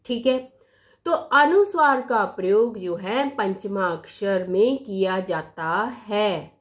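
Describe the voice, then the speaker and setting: A woman teaching a grammar lesson at an unhurried pace. She repeats key terms so they sink in and slips English words into her sentences. Her pitch sits in an ordinary middle range. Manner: mixes English words into speech.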